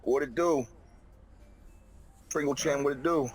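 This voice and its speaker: A man voicing a hyped-up girl, high-pitched and repeating his greetings. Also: measured pace, faint music behind, lightly acted. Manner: repetitive, hyped, slangy.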